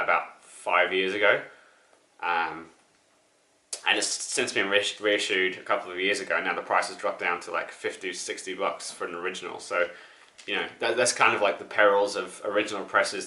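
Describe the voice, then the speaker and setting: A man's voice: low-pitched, bright, forceful tone, roomy sound. A man, chatting casually about his record collection with many fillers and restarts. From New Zealand. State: out of breath, still sick. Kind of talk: casual show-and-tell chat.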